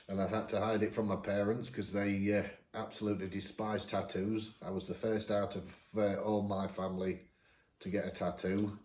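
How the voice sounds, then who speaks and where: A man in his fifties with a northern English accent, chatting casually as he answers viewer questions, each read out brighter. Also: on the low side, echoey room. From England. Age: 50s. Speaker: vlogger. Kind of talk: casual Q&A chat.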